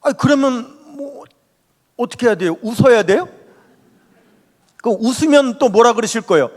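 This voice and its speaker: Man, pastor, lively sermon, high voice, long church reverb. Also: normal speed. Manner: animated, rising and falling, speaks to the congregation directly. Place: church sanctuary.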